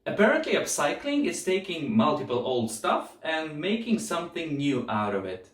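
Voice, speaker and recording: A man hosting a podcast, opening an episode in an upbeat, lively way. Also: on the high side, normal speed. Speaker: podcast host. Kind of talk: show introduction. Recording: distant, roomy echoey sound.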